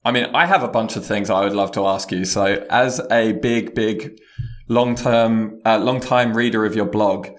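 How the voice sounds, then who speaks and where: A man's voice: fairly low pitch, fairly even intonation, moderate pace. British man echoing in a conference room. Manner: chatty and self-deprecating, laughs easily. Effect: roomy echo on the voice. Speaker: podcast co-host. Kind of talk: casual podcast chat.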